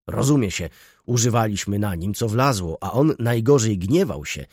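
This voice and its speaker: A man voicing a gray-haired elderly councillor who mutters slowly and dismissively, with a husky voice. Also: on the low side, a little mellow, no echo, clean studio sound, heavily acted. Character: gray-haired elderly male councillor, grumbling beer drinker.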